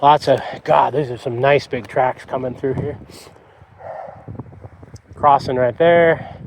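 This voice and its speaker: A man filming himself outdoors in a river bottom, talking to his viewers in an excited, rambling way full of "I mean" and "like". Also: medium pitch, slight background noise. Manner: excited, exclaiming, lots of fillers like "I mean" and "like". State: catching his breath. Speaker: shed hunter filming himself. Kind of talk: outdoor vlog narration. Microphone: camera mic.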